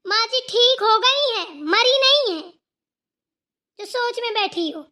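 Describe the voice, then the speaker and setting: A woman voicing a sharp-tongued, sarcastic young daughter-in-law in a cartoon. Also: extremely high pitch, fairly even intonation, moderate pace. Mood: taunting. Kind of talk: cartoon voice acting.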